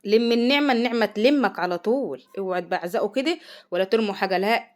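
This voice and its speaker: A middle-aged woman with an Egyptian accent chats through her home cooking vlog at a breakneck pace. Her voice sits at an ordinary middle pitch, and she keeps exclaiming over the food as she talks. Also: very fast. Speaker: vlogger, mother. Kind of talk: casual cooking vlog chat. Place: home kitchen.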